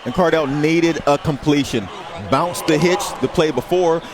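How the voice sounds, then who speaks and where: A man gives live football analysis as color commentator. His voice is a little high, and a noisy crowd sounds behind him. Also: measured pace. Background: crowd noise.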